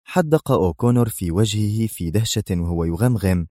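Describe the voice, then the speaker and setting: A man narrating a spy thriller audiobook in a measured, dramatic way. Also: fairly low pitch, warm tone, no echo, studio quality.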